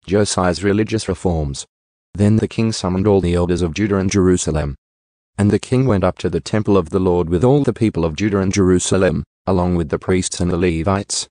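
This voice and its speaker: Low-voiced guy reading the bible, steady and measured, dry close sound. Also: no room sound. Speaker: Bible reader. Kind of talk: scripted scripture reading.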